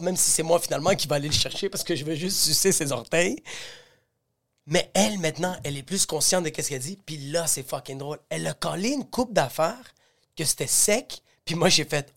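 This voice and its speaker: A man with a Québécois accent chatting casually on a podcast, telling lively stories and acting out other people's voices. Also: fairly high pitch, brisk. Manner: animated storyteller, acts out voices, slangy. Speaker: podcast host. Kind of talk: casual chat.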